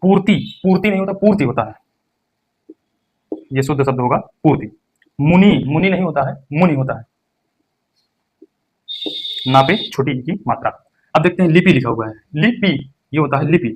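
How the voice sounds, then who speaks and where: A young man teaching an exam-prep Hindi lesson. He stresses each word and then repeats it slowly. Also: a little high, expressive, muffled recording.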